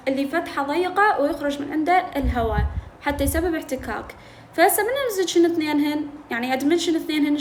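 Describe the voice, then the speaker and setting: A woman tutor with an Iraqi Arabic accent explaining a linguistics textbook to students. She asks questions and answers them herself, repeats key terms, and reads English lines slowly. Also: high voice. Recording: echoey room with faint noise.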